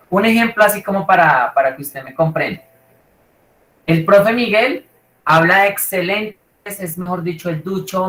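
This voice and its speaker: A man's voice: fairly high pitch, a bit bright. A man from Colombia with a Bogotá accent, teaching a literature class over a video call in an informal, rambling way, checking in with his students constantly. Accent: Bogotá Colombian Spanish. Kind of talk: live online class lecture. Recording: echoey room.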